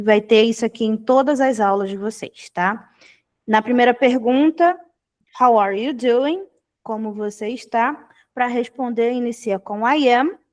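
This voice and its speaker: A young adult Brazilian woman, her voice fairly high and a little mellow, teaches an English class online over a video call. She explains things patiently, checks in with students often using "tá?", and repeats phrases slowly.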